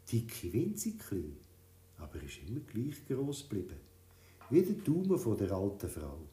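A man's voice: fairly low pitch, moderate pace. Guy reading a kids story, lots of up and down in his voice, echoey room. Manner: lively, expressive telling. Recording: roomy echo.

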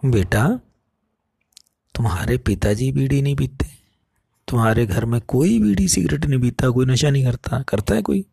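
A man voicing a gentle, loving aunt who speaks softly and calmly. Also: medium pitch, moderate pace, creaky, slightly rough, no room sound, studio quality. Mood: tender. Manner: soft, calm, affectionate questioning.

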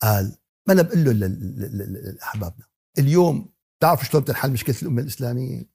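A man with a Levantine Arabic accent giving a religious lesson in everyday dialect, animated and joking, asking his audience many rhetorical questions. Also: medium pitch, very fast, gravelly, husky. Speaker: Quran teacher.

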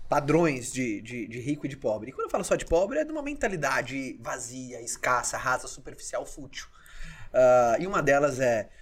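A man's voice: medium pitch, slightly rough. A man hosting a casual interview, reflecting on his guest's points and asking questions. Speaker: podcast host.

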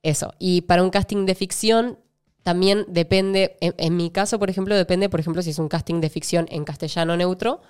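A woman with an Argentine Spanish accent, an actress chatting as an interview guest, explaining at length with fillers and quick laughs. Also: lowish voice, steady tone, a little mellow, smooth. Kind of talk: casual interview chat.

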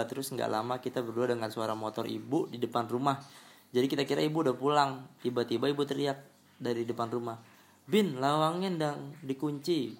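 A man co-hosting a casual podcast, reading listener emails aloud, swearing freely and laughing often. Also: creaky. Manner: crude slang, bursts into high laughter. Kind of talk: casual chat.

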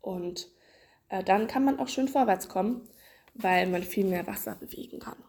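A woman's voice: medium pitch, normal speed, darkish tone. A woman hosting a podcast, casually explaining children's swimming exercises with playful images and frequent fillers. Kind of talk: casual instructional podcast talk.

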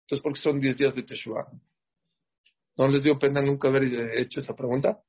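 A man giving an animated sermon, full of rhetorical questions to his listeners. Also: medium pitch, fairly quick, slightly rough. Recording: muffled lo-fi sound.

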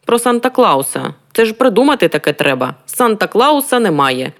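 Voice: mid-range voice, very animated, normal speed, fairly bright tone, pitched above the performer's own voice. A reader voicing Vasya, a sarcastic, crude young man in an audiobook. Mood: mocking. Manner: mocking, crude. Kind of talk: audiobook reading.

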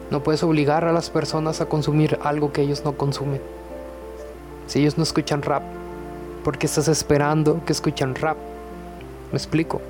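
Slow, relaxed young man. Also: fairly high pitch. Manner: relaxed, chatty, with many fillers and joking asides. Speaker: podcast host.

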